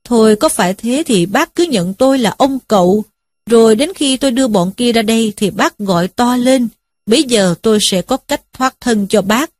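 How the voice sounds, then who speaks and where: A woman's voice: fairly high pitch, moderate pace, a little mellow, no room sound, studio quality, natural voice. A woman voicing a shrewd middle-aged village headman who scolds in a commanding way. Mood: calm.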